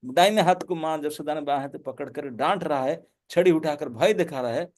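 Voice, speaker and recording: A high-pitched male monk giving a devotional lecture. He tells the story in an animated way and breaks into laughter now and then. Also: moderate pace. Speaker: monk and preacher.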